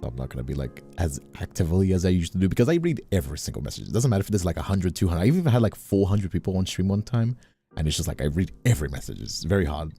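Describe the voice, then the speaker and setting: A man's voice: deep voice, very animated, racing, warm tone, breathy edge, soft background music. A man streamer talking casually on a livestream, rambling and emphatic, repeating phrases as he goes, close on a studio microphone. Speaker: streamer and host. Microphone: close studio condenser microphone.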